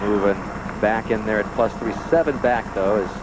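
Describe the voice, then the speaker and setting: Man doing golf commentary, reading out scores measured, lowish voice, loud drone behind. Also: background noise. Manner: measured, reporting scores in short phrases.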